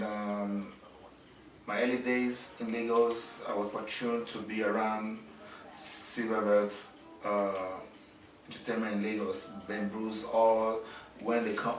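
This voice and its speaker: A middle-aged Nigerian businessman, interviewed in an echoey room, speaks slowly in a lowish voice, halting often with many fillers and restarts. He's recorded from a distance, set back from the mic, with a faint ambient hum behind him.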